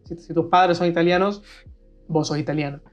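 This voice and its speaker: A man with an Argentine accent, co-hosting a podcast in casual chat and explaining things quickly, with restarts and fillers. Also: on the high side, steady tone, faint music behind. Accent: Argentine Spanish. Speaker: podcast co-host.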